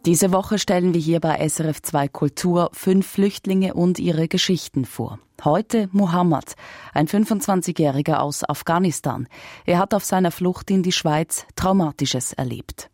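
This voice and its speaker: Woman radio presenter, brisk announcing, very low voice, dry. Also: a little mellow, dry recording. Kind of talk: news presenting.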